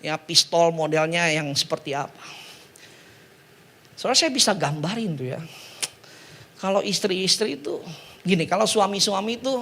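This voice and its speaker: A man preaching a sermon in a lively, joking way, calling on the congregation to repeat words after him. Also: high voice, moderate pace, pauses often, a little hiss or hum. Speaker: pastor.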